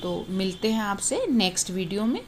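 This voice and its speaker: Female teacher giving a grammar lesson to children, calling out letters one at a time, mid-pitched, faint room noise. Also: expressive. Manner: asks questions then answers them herself; reads out letters slowly one by one. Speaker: Hindi teacher.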